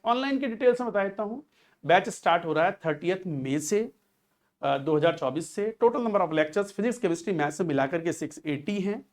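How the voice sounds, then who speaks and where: A male chemistry teacher talking earnestly to exam students, giving coaching advice and slipping English phrases into his Hindi. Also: high-pitched.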